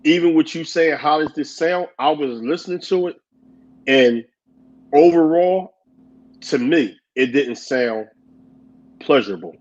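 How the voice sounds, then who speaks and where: A man co-hosting a casual chat, animated, laughing often and acting out quotes. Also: on the high side, measured pace, long pauses. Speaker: podcast co-host. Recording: dull lo-fi audio.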